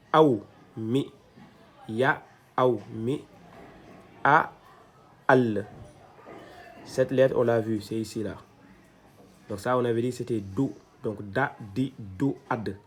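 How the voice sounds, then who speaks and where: A man teaching a reading lesson step by step, patient and repeating each syllable slowly so learners can follow. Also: medium pitch, a little mellow, husky. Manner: slow, patient, repeats syllables to model them.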